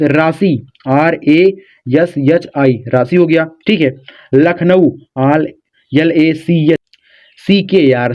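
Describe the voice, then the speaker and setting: A man teaching viewers how to spell words, who spells letters out slowly and keeps checking in with "okay". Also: a little high. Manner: repeats "theek hai" often, spells letters out slowly. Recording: dull lo-fi sound.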